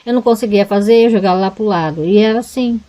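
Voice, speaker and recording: A chatty woman talking straight to her viewers about crochet, her voice mellow and rounded rather than bright. She rambles along, checking in with little tag questions at the end of her sentences. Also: mid-range voice, fast, poor audio. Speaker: crochet vlogger. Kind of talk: casual chat to viewers.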